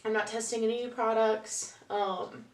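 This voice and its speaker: A woman's voice: fairly high pitch, level tone, moderate pace. A young adult woman talking casually and candidly, like a vlogger chatting informally to her viewers. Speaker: vlogger, bride-to-be. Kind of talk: casual confessional vlog chat.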